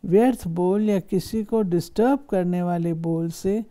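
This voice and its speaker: A woman reads a spiritual discourse in a very warm, mellow voice. Her delivery is measured and instructive, and she keeps posing questions to her listeners. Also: lowish voice. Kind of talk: reading a spiritual discourse aloud.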